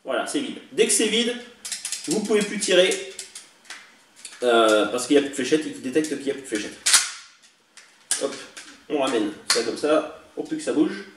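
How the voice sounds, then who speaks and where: A man's voice: medium pitch, animated, moderate pace, long pauses. A man casually showing off toy blasters he bought, chatty and hesitant with many fillers, recorded indoors on a camera mic. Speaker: toy collector vlogger. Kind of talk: casual show-and-tell demo. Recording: echoey room, distant mic, faint hiss.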